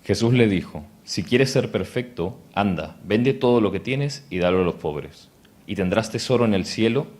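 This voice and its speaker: A man reads a Bible passage aloud with a very deep, low voice. His delivery is slow and measured. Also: animated, darkish tone. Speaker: scripture reader. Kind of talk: Bible reading.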